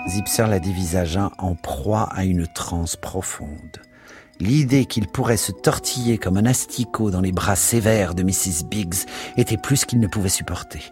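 A man narrating a novel aloud in a measured, even storytelling manner. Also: low voice, music in the background.

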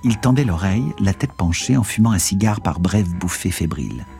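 A man narrating a literary work in a measured, expressive way. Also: deep voice, vocal fry, soft background music.

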